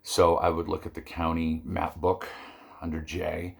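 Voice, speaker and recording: A man's voice: low voice, monotone, a little slow, gravelly, slightly rough. An older man telling a rambling personal story in a casual vlog, with many fillers and asides.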